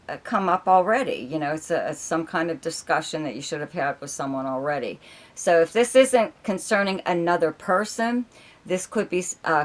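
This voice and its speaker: A woman reading a monthly horoscope forecast as an astrologer, rambling with many fillers and checking in with "okay?", her voice going hoarse. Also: sits low. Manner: rambling, filler-heavy, keeps adding "okay?". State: losing her voice.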